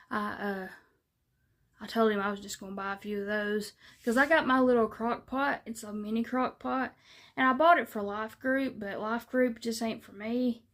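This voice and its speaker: A woman chatting casually to her viewers in a folksy, rambling way, with lots of fillers. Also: medium pitch. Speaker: vlogger. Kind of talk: casual chat to camera.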